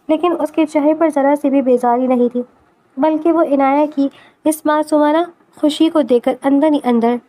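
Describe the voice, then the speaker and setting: A woman narrating a romance novel in a steady, expressive read. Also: sits high.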